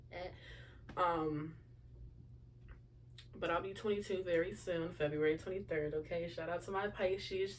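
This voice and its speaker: A young woman in her early twenties hosting a casual solo chat show, talking to listeners with lots of fillers and asides. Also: on the low side. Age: young adult. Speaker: podcast host.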